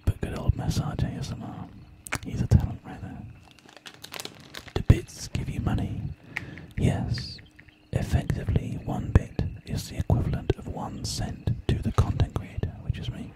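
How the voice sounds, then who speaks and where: A man's voice: normal speed, low-quality recording. A man whispering casually and reassuringly as an ASMR live streamer, chatting unhurriedly with his viewers.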